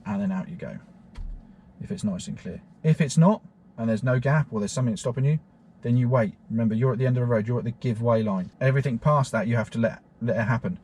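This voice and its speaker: A man explaining driving technique as an instructor from inside a car, in a steady, repetitive teaching manner with frequent fillers. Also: mid-range voice, fast, a little hiss or hum.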